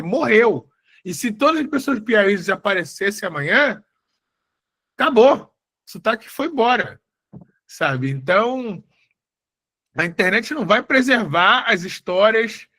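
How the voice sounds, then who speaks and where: A man's voice: sits high, pushed and bright, breathy edge. A man from Rio de Janeiro with a Carioca accent, a professor telling a story during a lecture, who often restarts his sentences. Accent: Carioca Brazilian Portuguese. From Rio de Janeiro, Brazil.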